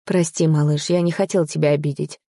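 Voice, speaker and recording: A woman voicing a brooding young man in a wheelchair, gruff and bitter but tender. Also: low-pitched, steady tone, fairly quick, mellow, dry recording, studio quality.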